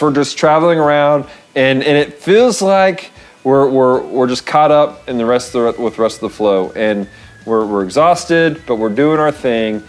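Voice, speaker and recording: Speaking from a small indoor room with wood panelling, a vlog host in his thirties, an American man, tells stories casually and offers devotional encouragement. His pitch is very lively, and he stresses words and repeats phrases expressively over faint background music.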